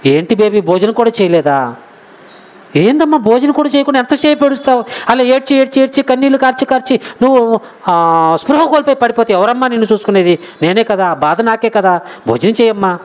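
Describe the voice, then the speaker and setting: A preacher voicing a tender, coaxing husband. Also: male voice, very high-pitched, lively intonation, brisk, voice pushed up. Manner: coaxing, pleading, affectionate. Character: tender loving husband comforting his weeping wife.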